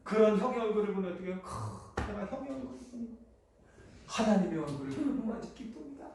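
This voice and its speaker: High-voiced male pastor in echoey church. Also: fairly quick, noisy background. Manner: asks the congregation questions and answers them, animated storytelling. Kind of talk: Sunday sermon. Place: church sanctuary. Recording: echoey church hall from far off.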